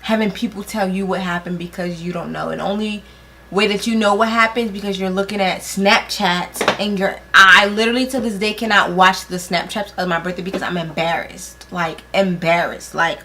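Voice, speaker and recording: A tipsy, giggly woman in her twenties vlogs a makeup challenge, tossing out blunt, teasing remarks full of swearing. Her medium-pitched voice is pushed and bright, with fairly even intonation and a moderate pace. A little hiss or hum sits in the recording.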